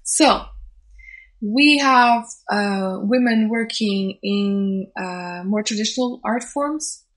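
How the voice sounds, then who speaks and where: A Portuguese-speaking social scientist and event organizer talks slowly at a medium pitch in an interview. She's thoughtful, often restarting phrases as she hunts for the right words.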